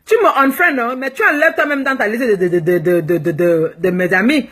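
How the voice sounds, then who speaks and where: A woman's voice: mid-range voice, brisk, a bit bright. A woman from Cameroon with a Cameroonian French accent, a fashion blogger answering viewers' comments live in a frank, teasing way and slipping English phrases into her French. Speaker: plus-size fashion blogger.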